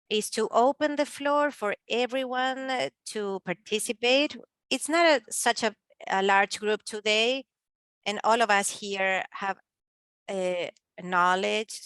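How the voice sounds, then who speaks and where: A woman giving simultaneous interpretation of a panel discussion, speaking haltingly with pauses and filler sounds. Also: mid-range voice, a bit bright, dry recording.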